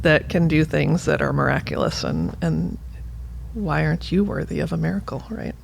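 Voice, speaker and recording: A woman's voice: sits low, normal speed, gravelly, slight background noise. A woman physical therapist explaining things earnestly in plain terms as a podcast guest. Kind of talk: conversational interview.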